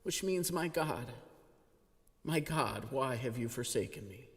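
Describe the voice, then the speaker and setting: A man reads scripture at a church service in a mid-pitched voice. His delivery is dramatic and expressive, leaning into the weight of the text. The sound rings with long hall reverb. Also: a little slow. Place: church sanctuary.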